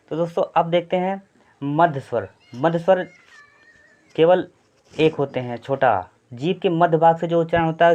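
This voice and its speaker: A man's voice: a little high, darkish tone. A man teaching an exam-prep Hindi grammar lesson. He explains step by step, repeats points and often checks in with "thik hai". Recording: slightly dull lo-fi sound.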